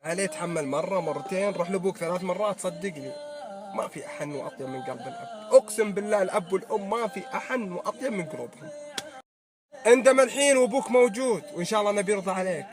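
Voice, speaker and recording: A man's voice: sits high, lively intonation, rapid-fire, over music. A Saudi man giving fervent moral advice to his viewers, in a Saudi accent, swearing oaths often. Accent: Saudi Arabic. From Saudi Arabia. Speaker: social media creator. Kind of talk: impassioned moral advice monologue.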